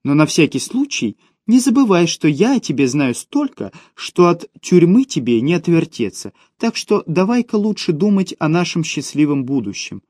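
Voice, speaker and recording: A man's voice: a little high, very animated, moderate pace, hardly any pauses, darkish tone, dry recording, clean studio sound. A man doing a cold, sneering schemer woman. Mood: purring. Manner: sneering, cutting. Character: cold, mocking, domineering woman, ruthless schemer. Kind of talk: audiobook character voice.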